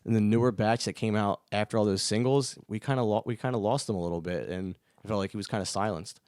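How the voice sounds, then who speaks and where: A man co-hosting a casual music podcast, reviewing songs with lots of excited outbursts. His voice sits low, and the sound is dry with no room around it. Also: quick pace, no room sound. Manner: excitable, given to exclamations of disbelief. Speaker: podcast co-host.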